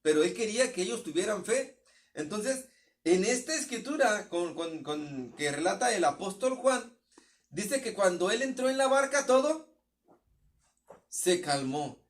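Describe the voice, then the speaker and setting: Halting high-voiced Mexican preacher, mic far off. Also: male voice, very animated. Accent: northern Mexican. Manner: halting, many repeated words and restarts. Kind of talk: sermon.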